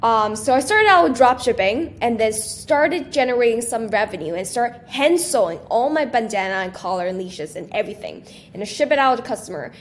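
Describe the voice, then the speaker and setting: A woman's voice: fairly high pitch, a little fast, few pauses, slight background noise. A young woman from Taiwan, a guest on an interview show, chatting casually and eagerly with frequent restarts and fillers. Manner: animated, with many restarts and fillers. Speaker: guest, small business creator.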